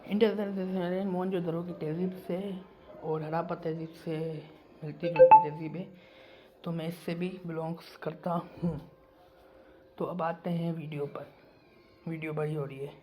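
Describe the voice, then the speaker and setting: A man's voice: a little high, little pitch movement, moderate pace, mellow, a little hiss or hum. Emphatic, repetitive man vlogging. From Pakistan. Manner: repetitive and emphatic, circles back to the same points. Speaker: YouTuber. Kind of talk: casual vlog monologue.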